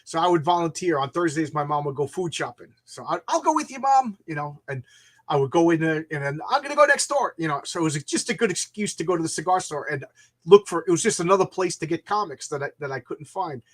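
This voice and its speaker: A man in his fifties hosts a casual live stream about comics, rambling through anecdotes with jokey, self-deprecating humor. He speaks fast in a fairly high voice.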